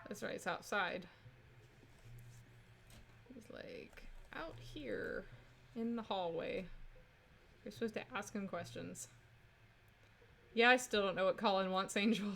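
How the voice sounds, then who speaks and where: A woman with an average-pitched voice chats casually through a video game. She reads character lines in a playful, acted way, then drops back into loose commentary with some swearing. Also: takes it slowly, creaky, pauses often, fairly bright tone, a little hiss or hum. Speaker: gamer and co-host. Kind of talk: casual let's play, reading dialogue and commenting.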